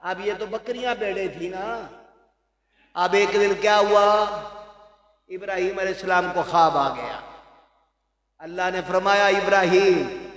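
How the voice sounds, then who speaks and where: A man's voice: high voice, pauses often, fairly bright tone. A man preaching a sermon in an impassioned, rhythmic storytelling manner, through a microphone in a gathering hall. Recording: echoey hall with long reverb.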